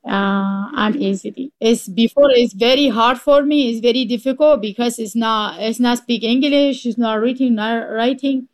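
Woman, halting English. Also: fairly high pitch, no echo. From Iraq. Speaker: adult English learner.

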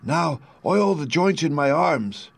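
A man voicing a polite, grateful rusted tin man, with a slow, stiff, pleading delivery. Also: fairly high pitch, animated, creaky, breathy edge, no room sound, pitched above the performer's own voice, full character voice.

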